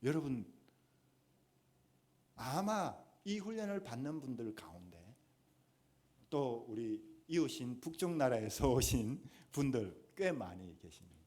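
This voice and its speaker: A man preaching a Sunday sermon in a church, with a Gyeongsang accent, building to emphatic exhortation. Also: a little high. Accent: Gyeongsang Korean. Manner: emphatic, rising to forceful exhortation. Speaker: pastor. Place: church sanctuary.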